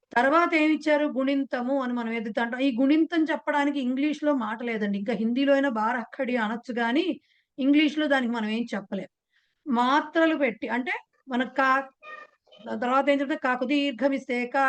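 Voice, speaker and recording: A woman's voice: high voice, brisk. A woman with a Telugu accent teaching a beginners' class, explaining patiently and putting questions to her students. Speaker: Sanskrit teacher. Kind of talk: online class lecture.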